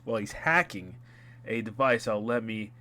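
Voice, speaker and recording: A man's voice: lowish voice, expressive, normal speed, bright, forceful tone, slight background noise. Chatty man narrating his gameplay. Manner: chatty, laughs at himself, restarts mid-sentence. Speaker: gaming YouTuber. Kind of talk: casual gameplay commentary. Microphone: home gaming mic.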